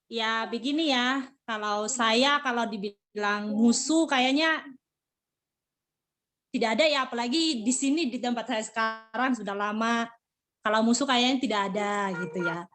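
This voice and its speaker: A woman's voice: a little high, normal speed, a bit bright. A woman sharing a personal faith testimony in casual talk over a video call, earnest and emotional, often repeating her phrases. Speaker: church member sharing testimony.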